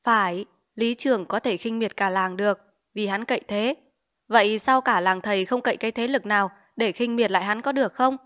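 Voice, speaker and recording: A woman's voice: mid-range voice, fairly bright tone, lightly acted. Woman doing a wry lecturing magistrate. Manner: measured, lecturing.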